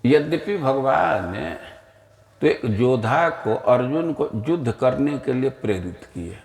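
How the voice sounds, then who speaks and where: Slow, gravelly-voiced male preacher. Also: medium pitch, lively intonation, darkish tone, reverberant. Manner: slow, explanatory, with rhetorical questions. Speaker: spiritual teacher. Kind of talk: scripture lecture.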